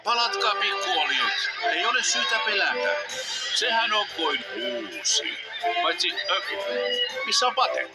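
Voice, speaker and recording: A man's voice: high voice, sing-song. A man narrating a dubbed children's cartoon in a playful, coaxing way, talking to the characters and to the young viewers. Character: cheerful friendly adult male cartoon narrator. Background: loud cartoon music.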